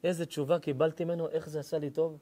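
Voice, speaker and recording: A rabbi delivers an emotional sermon. His voice sits a little high for a man. He shifts from soft, confiding moments to fervent, pleading outbursts. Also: flat delivery. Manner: impassioned, rising to pleading cries.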